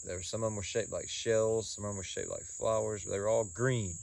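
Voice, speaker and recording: A man giving a casual solo review in a folksy, halting way, often repeating words and pausing. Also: fairly low pitch, fairly even intonation, creaky, darkish tone, dry recording. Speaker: pipe tobacco reviewer.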